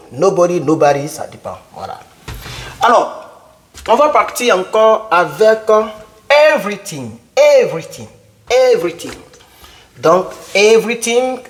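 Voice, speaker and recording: A young man giving a casual video lesson, repeating words over and over to drill pronunciation and speaking straight to the viewer. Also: on the high side. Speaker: English teacher.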